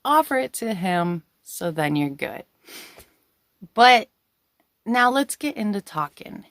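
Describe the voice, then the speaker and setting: A woman's voice: mid-range voice, big pitch swings, takes it slowly, a bit bright, dry recording. A woman hosting a casual storytelling video, giggly and rambling as she talks to her viewers. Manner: giggly, breaking into laughter while talking.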